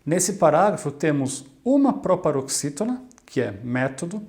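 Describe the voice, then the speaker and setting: A man, teaching in a scripted video lesson. His voice sits a bit high for a man. He talks clearly and deliberately, slowing down to model each word. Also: very animated, a little mellow. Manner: clear, deliberate, slows down to model Italian words. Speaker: Italian language teacher.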